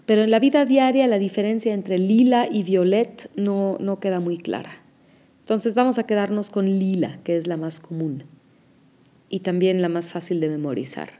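Speaking slowly and carefully, a woman explains pronunciation in an audio language lesson. Her voice is mid-range with a warm tone.

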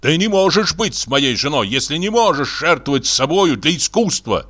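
Man doing a shouting painter, raised pitch, lively, storybook reading. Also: moderate pace, slightly rough, full character voice. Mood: ranting. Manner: ranting, shouting. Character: hot-tempered male painter, shouting. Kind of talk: audiobook reading.

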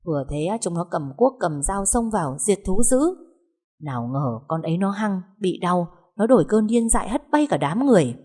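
A woman narrates a novel in an expressive, dramatic storytelling style. Her voice sits low and mellow, with a husky, breathy grain. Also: normal speed.

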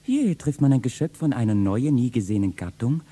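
Young kitchen boy, cheeky and loud, animated voice, 1960s radio drama. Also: medium pitch, a little fast, slightly rough. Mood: teasing. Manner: lively, mocking, bursts into loud shouting. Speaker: actor in a radio play. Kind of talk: classic stage verse, 1960s radio play.

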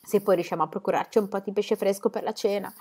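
A woman's voice: medium pitch, fairly even intonation, fast talker, warm tone, husky. A woman voicing a sensible young boy in a plain, mildly raised tone.

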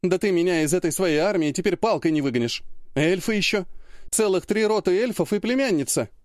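A man reading an audiobook, voicing a brash, excitable young woman who is eager and loud. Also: sits high, a little fast, no echo, studio quality, voice pushed up.

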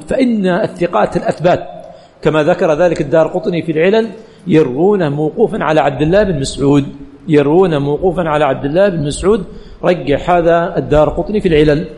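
A man's voice: a little high, warm tone, in a large hall. A male religious teacher giving a classroom lecture, quizzing the students with questions that he answers himself and repeating key phrases.

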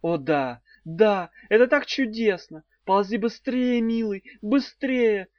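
A man voicing a young woman sorceress who taunts with mock-passionate, breathy sighs, in a dull, dry recording. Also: high-pitched, slow pace, no room sound, pitched above the performer's own voice.

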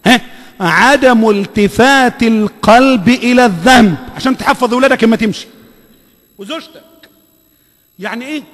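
Egyptian guy preaching, really high voice, hammers words over and over, reverb from the hall. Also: moderate pace, pauses often, a bit bright. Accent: Egyptian Arabic. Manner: emphatic, repeats phrases, quizzes the audience. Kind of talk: sermon.

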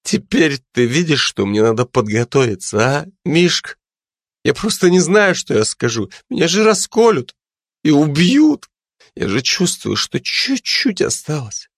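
A man's voice: fairly high pitch, big pitch swings, measured pace, dry recording, studio quality, pitched above the performer's own voice, exaggerated voice. A man voicing a drunk, frightened man who whines, pleads and slurs his words. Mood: drunk pleading. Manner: whiny, slurred, self-pitying.

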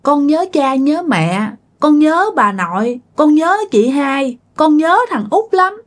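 The ghost of a young man, tearful and longing, pleading in a raised, wavering voice, as a woman storyteller puts him on. His voice climbs high and swings widely as he cries and begs. It is part of a spoken ghost story. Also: lively intonation, measured pace. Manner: pleading, crying.

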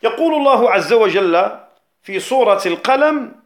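A man, a jurist, explaining a classical poem on rhetoric in a recorded lesson, repeating key phrases and slowing down on technical terms. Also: high voice, animated. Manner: slows down to stress technical terms. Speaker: Islamic jurist teaching rhetoric.

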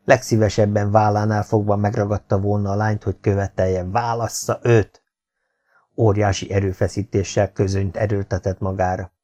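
A man narrating a historical romance audiobook in an even storytelling read. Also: fairly low pitch. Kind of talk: scripted narration.

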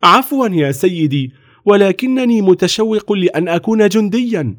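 Brief: man playing a determined young boy in a storybook, high pleading voice, pushes on. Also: expressive, moderate pace. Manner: pleading, insistent, flustered. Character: eager determined short peasant boy.

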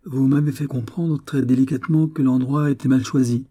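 A man's voice: medium pitch, fairly even intonation, fairly quick, dark tone, husky, voice pushed up, lightly acted. A man playing a sneering young officer. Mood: smug. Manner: mocking and sneering. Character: smug, predatory young army officer.

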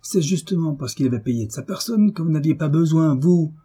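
Furious and shouting, the brutish middle-aged landowner blusters and curses as a man voices him for an audiobook character reading. The man's voice is medium-pitched, animated and slightly rough, at a moderate pace.

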